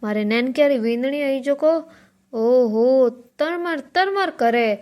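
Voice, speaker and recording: A woman's voice: high-pitched, slow pace, a little mellow. A woman voicing a gossiping older mother-in-law in a cartoon comedy, speaking with a Marwari accent and complaining about her family. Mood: gossipy. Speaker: cartoon character.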